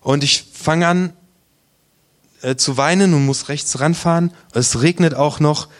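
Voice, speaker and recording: His voice runs on the high side and a little slow as he gives a testimony sermon about his own faith. He speaks earnestly and intimately, at times falling to a near whisper.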